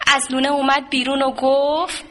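A woman narrating a children's folk tale in a gentle, expressive, sing-song way. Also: high voice. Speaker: storyteller.

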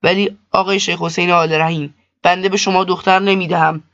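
A man's voice: high-pitched, little pitch movement, a bit bright, dry recording. A man voicing a cold, stern male cloth merchant in a storybook reading, speaking curtly and dismissively. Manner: curt, irritated, dismissive. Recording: dull lo-fi dry recording.

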